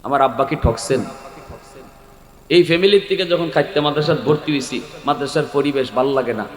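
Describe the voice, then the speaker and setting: A man with a Sylheti Bengali accent giving a sermon, swinging from shouted peaks to quiet storytelling. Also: mid-range voice, a little fast. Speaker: preacher. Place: large outdoor or hall religious gathering. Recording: echoey hall with long reverb.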